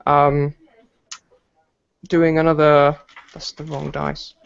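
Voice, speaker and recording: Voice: mid-range voice, little pitch movement, slow pace, gravelly. A game master running a tabletop game, chatty and joking, often correcting themself mid-sentence. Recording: dull lo-fi recording with faint noise.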